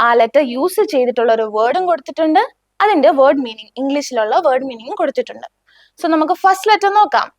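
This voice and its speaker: A woman's voice: sits high, a bit bright, no room sound, clean studio sound. A woman with a Malayali accent teaching a beginner German lesson, patiently saying each word twice and asking learners to repeat after her. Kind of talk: slow beginner language lesson with repetition drills.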